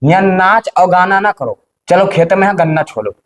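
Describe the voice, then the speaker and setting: A man's voice: sits high, animated, normal speed. A man plays an exasperated young village man with an Awadhi accent in a rustic comedy skit. He grumbles and scolds his family over the farm work. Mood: grumbling. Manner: grumbling, scolding dialect speech.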